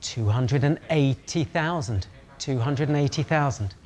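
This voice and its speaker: A British man working as a fine art auctioneer, calling live bids with formal patter, measured repetition and a showman's poise. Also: medium pitch, a little mellow.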